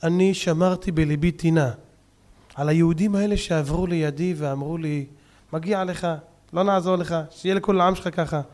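A stern, commanding emperor, put on by a man telling a story in a sermon. He speaks gravely, with a high voice. He sounds like a ruler with a grudge he has held for a long time. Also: a little mellow, lightly acted. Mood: solemn. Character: proud male emperor confronting his former rescuer.

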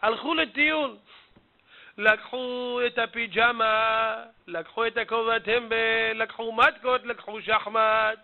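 A man's voice: very high-pitched, steady tone, gravelly. A man voicing a weeping female prayer shawl that complains plaintively about being left behind. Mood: lamenting. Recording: tinny phone-like audio.

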